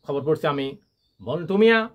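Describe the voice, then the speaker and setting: Casting: parody news anchor , played by a man, mock-grave bulletin delivery, highish swooping pitch, noisy recording. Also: expressive, moderate pace, lightly acted. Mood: mock-serious.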